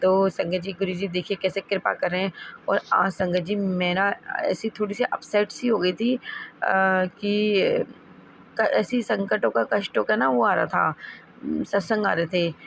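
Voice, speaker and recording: A woman's voice: medium pitch, fairly even intonation, measured pace, creaky, a little hiss or hum. A woman sharing devotional experiences in a rambling way, with many restarts and fillers. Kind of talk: devotional testimony talk.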